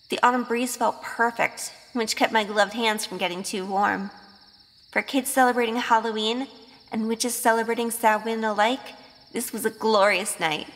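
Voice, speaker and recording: In an audio drama, a woman voices Grace, a sheltered, wide-eyed good young woman who has become a witch, sweet and full of wonder. Her fairly high, natural voice narrates in first person and slips into in-scene dialogue, ringing in a long reverb over soft music.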